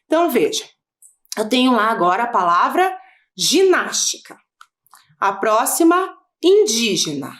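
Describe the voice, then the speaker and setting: Brazilian female teacher, patient explainer, animated and fairly high. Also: unhurried. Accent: Brazilian Portuguese. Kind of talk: video lesson for children.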